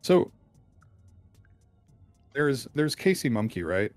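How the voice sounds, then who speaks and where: Hacker man through a deep voice changer. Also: sing-song, slow pace, no echo, faint music behind. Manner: hesitant, rambling, many ums and restarts. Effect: voice changer, deep pitch-shifted. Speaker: interviewed hacker. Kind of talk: casual call-in interview.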